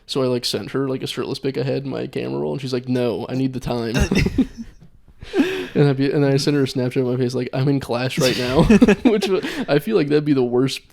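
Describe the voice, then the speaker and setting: A man's voice: medium pitch, brisk, vocal fry, darkish tone, dry recording. Laughing young man in crude banter. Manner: crude, joking, laughs often. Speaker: podcast co-host. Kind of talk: casual comedic chat.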